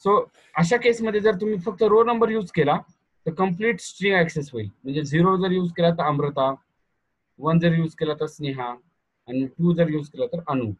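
A male programming teacher with a Marathi accent giving an online class over a video call, quizzing students and dictating notes slowly. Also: a little high, no echo, poor audio.

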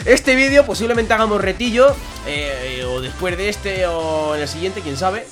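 A young man giving excited gameplay commentary at a desk microphone, yelling and laughing at the game. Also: high voice, normal speed, over music. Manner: yells and laughs at the game, rambling. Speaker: gaming YouTuber.

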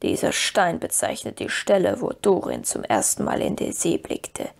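A woman reading an audiobook, voicing a gruff, grieving male dwarf warrior in a lowered, slower voice. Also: big pitch swings, exaggerated voice. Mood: solemn.

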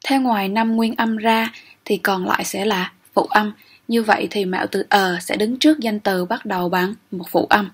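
A woman's voice: mid-range voice, fairly even intonation, moderate pace, breathy edge. A young woman teaching English grammar in an exam-prep lecture, explaining step by step and often checking with "ok?".

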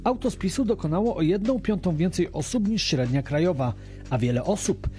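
A man's voice: high-pitched, animated, fairly quick, dark tone. A man narrating a scripted television news report as the reporter. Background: music.

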